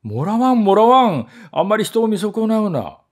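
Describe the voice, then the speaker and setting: A man voicing a patient, kindly wire mousetrap that speaks gently and coaxingly. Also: on the high side, very animated, measured pace. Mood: curt.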